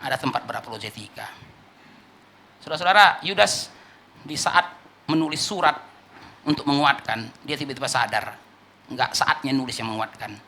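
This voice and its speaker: A man, a pastor, preaching a sermon. He asks rhetorical questions and moves between loud, emphatic peaks and quiet asides. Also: medium pitch, normal speed, pauses often. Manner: preaching with rhetorical questions, acting out people he quotes.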